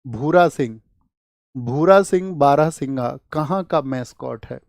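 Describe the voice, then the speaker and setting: A man's voice: medium pitch, a little slow, vocal fry, a little mellow, no echo, clean studio sound. A man teaching a general-knowledge exam class, talking with energy and repeating questions for his students to answer. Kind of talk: exam coaching lecture.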